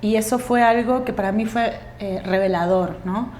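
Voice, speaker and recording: In this echoey room with a little background noise, a Uruguayan-accented actress in her forties gives a reflective interview as a guest. Her mid-range voice has a darkish tone, and she speaks thoughtfully, pausing frequently with fillers and restarts.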